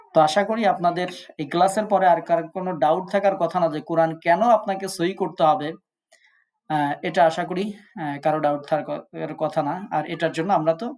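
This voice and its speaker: A man's voice: a little high, a little mellow. A man teaching an online tajweed class. He explains step by step and sounds out Arabic letters to contrast them. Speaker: Quran recitation teacher.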